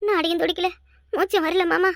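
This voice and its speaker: Cartoon: woman voicing a young wife, Kanyakumari Tamil accent, very high, gravelly, earnest. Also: fairly even intonation, a little fast, no echo, clean studio sound. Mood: alarmed. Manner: earnest, imploring.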